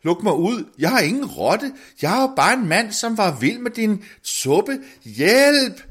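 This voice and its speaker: A man's voice: medium pitch, very animated, slightly rough, voice pushed up. A man voicing a middle-aged, hungry storybook man who pleads, his voice climbing when frightened. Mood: panicked. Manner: pleading, voice rising in panic.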